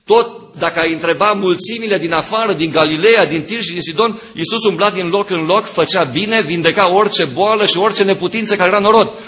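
Expressive man preaching a sermon. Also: few pauses. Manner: expressive, swings from loud emphasis to low quiet. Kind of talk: sermon, Bible exposition.

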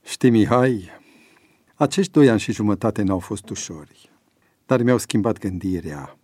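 A male narrator plays a thoughtful aging father who speaks low and reflective, sometimes slipping into a whisper. The sound is dry and close. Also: expressive, warm tone, breathy edge, no echo.

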